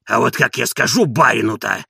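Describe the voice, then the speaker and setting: A man voicing a hoarse, devoted old servant in an audiobook, indignant and boastful. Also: mid-range voice, a little fast, sharp tone, no room sound, studio quality, voice pushed down, heavily acted. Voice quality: gravelly, hoarse.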